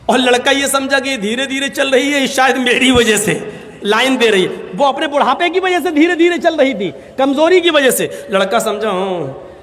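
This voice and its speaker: A man preaching a sermon, telling stories and jokes, impassioned and bursting into shouts. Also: very high-pitched. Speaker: Islamic preacher. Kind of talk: sermon with storytelling. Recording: long hall reverb.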